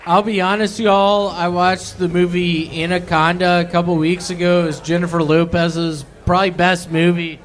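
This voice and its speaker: Deadpan halting man. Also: high voice. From Memphis, Tennessee. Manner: halting, deadpan, with many pauses and fillers. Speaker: stand-up comedian. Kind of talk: deadpan absurd stand-up.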